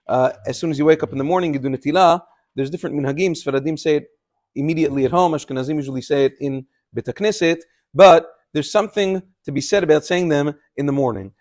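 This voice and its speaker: A man's voice: a little high, darkish tone. A man giving an explanatory religious lesson as a rabbi, instructing in English sprinkled with Hebrew terms. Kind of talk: religious lecture, explanatory, partly unscripted.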